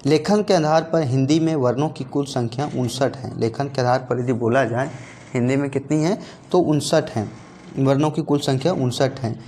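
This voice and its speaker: पुरुष शिक्षक, झारखंड लहजे वाली Hindi. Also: male voice, medium pitch, moderate pace, dark tone, a little hiss or hum. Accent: Jharkhand Hindi. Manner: repeats points, asks and answers his own questions. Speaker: teacher. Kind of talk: exam-prep grammar lesson.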